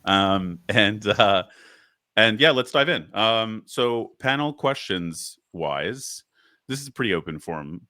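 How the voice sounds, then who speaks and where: A man's voice: deep voice, bright, forceful tone, no room sound, studio quality. A man hosting a panel discussion in a casual, joking, self-deprecating way. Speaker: podcast host and panel moderator.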